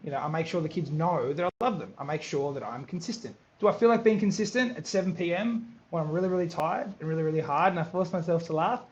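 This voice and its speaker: Man, 40s, podcast guest; animated storyteller who repeats himself, high voice. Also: fast talker, few pauses, dull audio. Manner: animated, repeats words, acts out others in quotes. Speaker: podcast guest, business owner. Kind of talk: casual interview chat.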